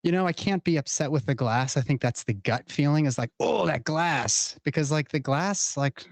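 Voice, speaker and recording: A man's voice: a little high, brisk, no echo. Male podcast guest, 30s, earnest and playful, dry close sound. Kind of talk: casual chat.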